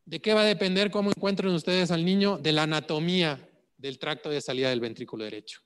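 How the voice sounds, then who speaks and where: A man's voice: on the high side, fast talker, smooth, long reverb tail. A man lecturing on clinical cases, asking rhetorical questions and checking in with "ok?". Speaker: medical exam prep lecturer.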